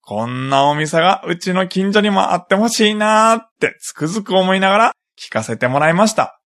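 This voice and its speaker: A male host with a high voice speaks casually after a story reading. He thanks the reader and comments warmly on the tale. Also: lively intonation, brisk. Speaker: radio host. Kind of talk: casual chat.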